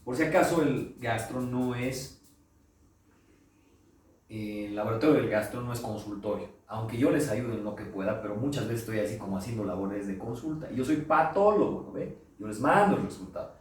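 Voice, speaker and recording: A man's voice: medium pitch, normal speed. A middle-aged pathologist with a Bolivian Spanish accent, giving a lecture full of anecdotes and acting out the voices he quotes. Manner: animated storyteller, acts out quoted voices. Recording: roomy echo, voice from far off.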